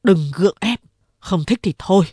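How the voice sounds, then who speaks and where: A woman's voice: medium pitch, expressive, normal speed, dark tone, breathy edge, no room sound, studio quality. A woman voicing a big, burly male company boss who despairs and weeps, pleading in a self-pitying way. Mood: despairing. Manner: sobbing, self-pitying pleas.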